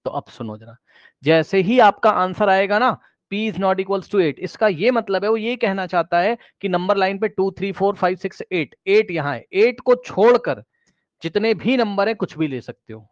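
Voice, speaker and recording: A man's voice: high-pitched, lively intonation, moderate pace, dry recording, lo-fi sound. A man teaching a math class, questioning students directly and repeating key phrases, mixing English math terms into his explanation.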